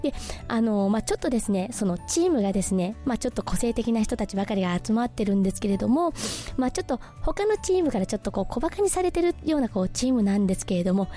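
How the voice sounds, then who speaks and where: A woman hosting a radio show, talking casually about films and reading listener messages with lots of soft fillers. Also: fairly high pitch, big pitch swings, quick pace, faint music behind. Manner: chatty, many soft fillers. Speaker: radio host.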